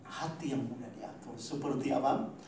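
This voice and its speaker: A male pastor preaching a sermon, addressing the congregation directly, swinging between loud emphatic peaks and quiet low asides and tagging his lines with a questioning "ya". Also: normal speed, a little hiss or hum. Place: church hall. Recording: very echoey hall, from far off.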